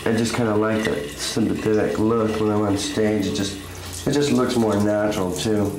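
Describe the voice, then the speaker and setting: A man talking in a halting, soft-spoken way during a casual interview, restarting his sentences. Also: lowish voice, steady tone, echoey room, background noise. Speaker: band founder.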